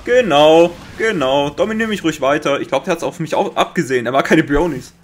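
Excitable Bavarian gaming commentator, man. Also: fairly high pitch, fairly quick, slight background noise. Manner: excitable, swears often, makes sound-effect noises. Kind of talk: Let's Play commentary.

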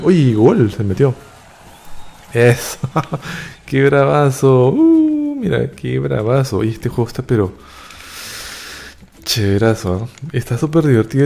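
Man narrating gameplay, excitable bursts of cheering, warm mellow voice, faint game music under him. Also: medium pitch, creaky. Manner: excitable, cheers and repeats words in quick bursts. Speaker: gaming YouTuber. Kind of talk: live gameplay commentary.

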